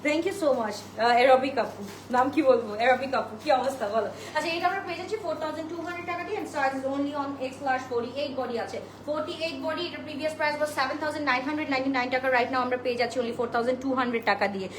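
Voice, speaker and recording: A woman's voice: high-pitched, normal speed, hardly any pauses. A woman hosting a live-stream dress sale, chatty, greeting viewers by name and mixing in English phrases, speaking into a phone. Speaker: online boutique seller hosting a live sale. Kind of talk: live-stream sales pitch. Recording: roomy echo with steady background noise.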